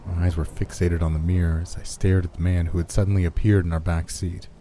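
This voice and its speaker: A man giving scripted narration of scary stories in a measured, steady way. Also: low-pitched, a little hiss or hum. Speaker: horror story narrator.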